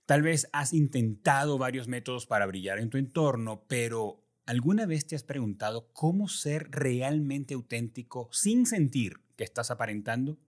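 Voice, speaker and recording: A man's voice: medium pitch, expressive, moderate pace, few pauses. A man hosting a podcast interview, introducing his guest in a polished, courteous way. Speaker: podcast host.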